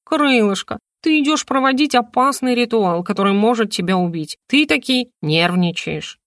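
A woman voicing an excitable small female magical creature with a shrill, rapid way of exclaiming. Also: no room sound, clean studio sound. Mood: knowing, teasing.

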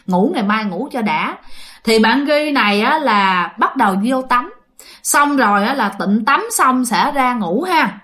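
A woman's voice: fairly high pitch, a bit bright. A woman telling a ghost story in a chatty, casual way, often addressing her listeners.

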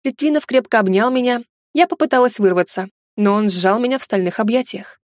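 A young woman giving an expressive, dramatic first-person reading of a romance novel. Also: on the high side, brisk, no room sound, studio quality. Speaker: audiobook narrator. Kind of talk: scripted narration of a romance novel.

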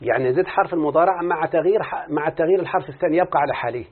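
Fast-talking Egyptian man, husky voice. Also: on the high side. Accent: Egyptian Arabic. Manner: explains step by step, keeps checking with his teacher. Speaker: student reciting a grammar lesson. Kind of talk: Arabic morphology lesson, question and answer. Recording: tinny phone-like recording.

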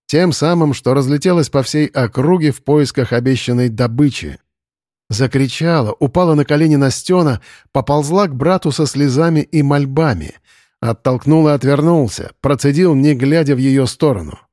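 A man's voice: mid-range voice, no room sound. Man narrating an audiobook, dry sound. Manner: steady, measured storytelling. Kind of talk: scripted narration.

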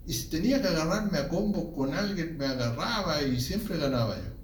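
Chilean preacher, high voice, earnest testimony sermon, recorded far off in an echoey room with faint ambience. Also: male voice, animated, moderate pace, a little hiss or hum. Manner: earnest, addresses listeners as brother.

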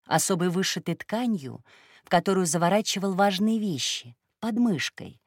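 A woman reading a first-person story aloud in a calm, even narration. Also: fairly low pitch, normal speed, no echo, studio quality. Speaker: audiobook narrator.

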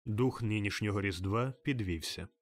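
A man giving expressive, measured audiobook narration of a classic tale. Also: fairly low pitch.

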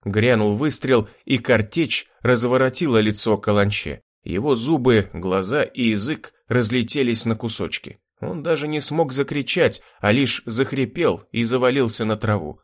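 A man's voice: medium pitch, moderate pace, hardly any pauses. A man narrating a fiction audiobook in a scripted storytelling delivery.

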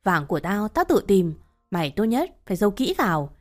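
A woman's voice: mid-range voice, very animated, a little fast, close to an everyday voice. A woman voicing an older mother-in-law who scolds and accuses her daughter-in-law in a harsh, coarse way, over faint background music. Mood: shrill accusing. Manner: abusive, uses coarse address terms.

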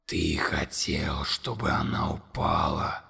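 A man voicing a huge, relentless monster in an audiobook, speaking in a low, slow, menacing whisper. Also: monotone, creaky, pushed and bright, husky, in a large hall, heavily acted.

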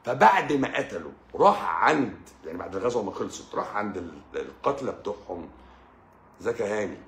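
Lively Egyptian man in an echoey room. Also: on the low side, brisk, a little hiss or hum. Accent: Egyptian Arabic. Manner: lively, addresses listener directly, repeats and stammers. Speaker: channel host. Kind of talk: religious talk to a listener.

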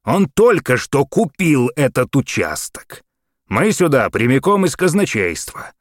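A man voicing a feisty, brash old man with a loud, folksy, triumphant way of talking, in an audiobook. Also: mid-range voice, big pitch swings, a little slow, no echo, clean studio sound, pitched above the performer's own voice.

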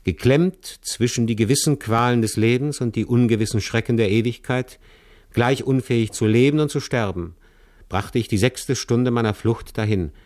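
A man narrating a literary story in the first person, measured and serious. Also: mid-range voice, darkish tone, no echo, studio quality. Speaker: audiobook narrator.

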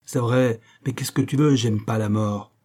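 Un homme qui joue une énorme brute masculine, peureuse devant les morts, d'une voix plaintive et forte. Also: male voice, mid-range voice, steady tone, a little slow, darkish tone, lightly acted. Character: brutal hulking male thug, squeamish about corpses.

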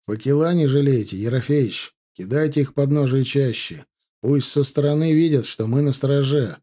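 A man voicing a young, steady ensign in an audiobook, giving brisk officer's orders. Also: mid-range voice, lightly acted. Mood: calm.

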